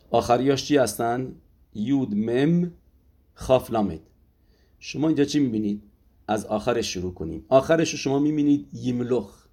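A man giving a spoken religious lesson, pausing often with filler sounds as he explains. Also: mid-range voice, darkish tone. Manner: hesitant, many filler sounds. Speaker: religious teacher. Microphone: audio-only recording.

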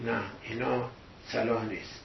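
A man's voice: medium pitch, level tone, gravelly, slight background noise. Man preaching, keeps asking rhetorical questions, roomy echo, muffled lo-fi sound. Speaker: religious teacher. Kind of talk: sermon. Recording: echoey, dull lo-fi room recording.

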